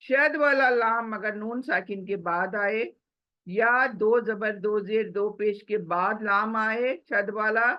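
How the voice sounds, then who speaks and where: This tajweed teacher speaks in a mid-range voice, carefully breaking down the rules one step at a time and reciting examples slowly in a gentle lesson. She sprinkles English words throughout, and the audio is dull.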